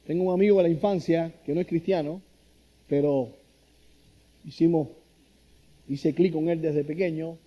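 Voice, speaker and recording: Animated high-voiced pastor preaching. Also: male voice, normal speed, long pauses, highs cut off. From Cuba. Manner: storytelling, animated, acts out quotes in a raised voice. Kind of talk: sermon.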